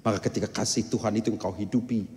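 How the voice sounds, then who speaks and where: A male pastor with a Batak Indonesian accent, preaching a sermon as an animated storyteller who asks rhetorical questions. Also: fairly low pitch, racing, big-room sound. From North Sumatra, Indonesia.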